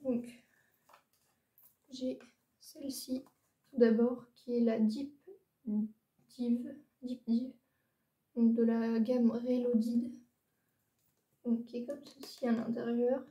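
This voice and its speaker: Under a ring light, a young woman who vlogs about beauty presents her makeup palettes, talking casually but haltingly, full of fillers and repetitions. Her fairly high, dark-toned voice barely moves in pitch, going slowly with long pauses. She sounds a bit far from the mic, with a roomy echo.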